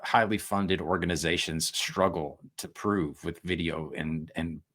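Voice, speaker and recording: A man hosting a casual interview over a video call, speaking in a measured, earnest way with some stumbles. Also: sits low, fairly even intonation, a bit bright. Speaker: interview host, channel owner.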